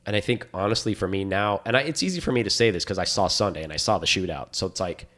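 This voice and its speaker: A man's voice: sits low, quick pace. A man co-hosting a podcast, talking in an enthusiastic, rambling way. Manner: enthusiastic, rambling, animated storytelling. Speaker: podcast co-host. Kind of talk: casual chat.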